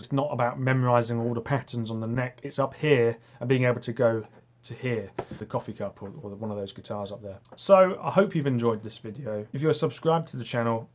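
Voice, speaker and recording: A man of medium pitch chats to camera in an earnest, enthusiastic way. He pronounces his R softly, closer to a W, and rambles along like an online music teacher sharing advice. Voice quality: soft R sounds, says w for r. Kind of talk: casual talk to camera.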